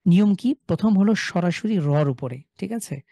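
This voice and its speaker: A man with a Bangladeshi Bengali accent teaching a live online recitation class. He is patient, drills words slowly and often checks in with the class. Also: high-pitched, animated, gravelly, dark tone, no echo.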